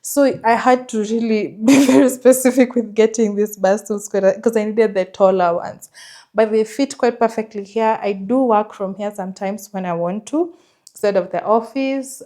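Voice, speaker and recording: A woman's voice: medium pitch, fairly even intonation, moderate pace, mellow. A woman giving a casual, chatty house tour, enthusiastic about what she shows. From Kenya. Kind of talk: casual vlog chat.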